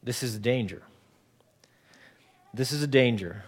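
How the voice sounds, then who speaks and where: A pastor around forty delivers an easygoing, conversational sermon in a middle-pitched voice with a breathy edge and an unhurried pace. He often stumbles into repeated words and works everyday stories into his preaching.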